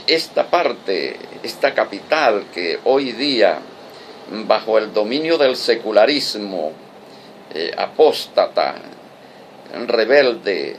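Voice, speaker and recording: Slow, deliberate preacher man. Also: fairly low pitch, slight background noise. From Venezuela. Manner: slow, deliberate, repeats phrases for emphasis. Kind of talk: recorded Bible study teaching.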